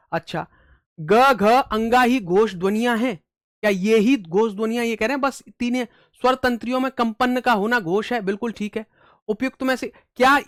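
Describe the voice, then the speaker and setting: A man's voice: very high voice, clear, resonant tone, no room sound, studio quality. Man drilling students with call-and-answer questions. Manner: recites letter series loudly, emphatic. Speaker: exam coaching teacher. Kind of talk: online exam-prep lesson.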